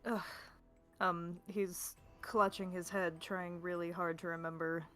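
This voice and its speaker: A woman's voice: fairly low pitch, level tone, unhurried, a bit bright. A woman playing in a tabletop game, improvising casually between describing her character and speaking for him. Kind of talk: casual improvised role-play. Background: faint music.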